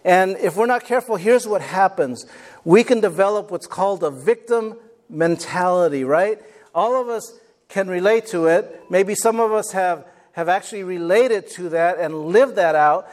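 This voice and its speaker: A man's voice: sits high, normal speed. A man preaching a motivational sermon as a pastor, emphatic and repeating his phrases, prompting his listeners as he goes. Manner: prompts listeners with questions and calls for amen.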